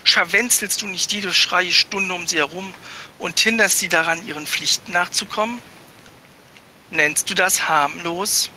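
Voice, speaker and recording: A man's voice: high-pitched, a little slow, sharp tone, a little hiss or hum, heavily acted. A man reading a cool, stern matron. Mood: cold. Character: cool commanding mother, orphanage matron.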